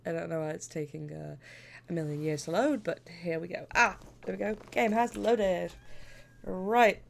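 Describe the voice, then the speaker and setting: A woman's voice: fairly low pitch, normal speed, creaky. A woman streamer chatting casually and playfully while gaming, laughing often and sniffly with a stuffy cold.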